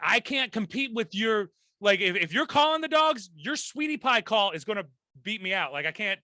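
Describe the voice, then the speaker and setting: A podcast host chats casually in a high-pitched, sing-song voice that sounds pushed and bright, at normal speed with no echo. His banter is crude and jokey, and he laughs frequently.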